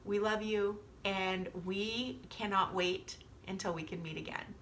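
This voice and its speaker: A woman with a bright, forward voice at an average pitch delivers an informal youth sermon. She sounds earnest and talks straight to her listeners as their group leader. A little background noise sits behind her voice. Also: fairly even intonation, unhurried.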